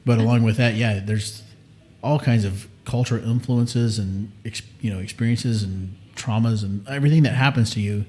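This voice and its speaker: A man in his late thirties hosting a casual podcast, animated and swearing freely as he acts out his own quotes. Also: on the low side, moderate pace. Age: late 30s. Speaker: podcast host. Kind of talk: casual chat.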